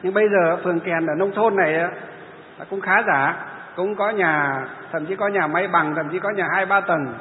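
High-voiced man preaching in an echoey hall. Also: normal speed, slight background noise. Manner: rhetorical questions to the audience, answered himself; mimics wailing funeral laments. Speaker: Buddhist preacher. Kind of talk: dharma talk sermon. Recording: echoey hall over a tinny line.

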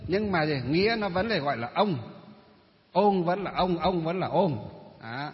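A man's voice: a little high, animated, measured pace, a little hiss or hum. A male Buddhist monk with a Northern Vietnamese accent giving a dharma talk, posing rhetorical questions and answering them himself. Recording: reverberant hall, dull muffled sound.

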